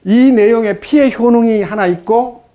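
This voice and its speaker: A male pastor preaching a sermon in an animated way, acting out the voices he quotes. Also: very high voice, measured pace, highs cut off.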